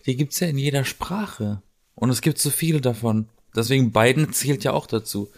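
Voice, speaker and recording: A man's voice: medium pitch, normal speed. A man chatting casually as a podcast co-host, often breaking off and restarting his sentences. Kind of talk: casual chat.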